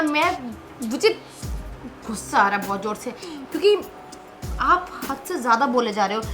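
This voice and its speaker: A woman's voice: high voice, sharp tone. A young woman playing a lonely wife who scolds with indignation in a melodramatic short film.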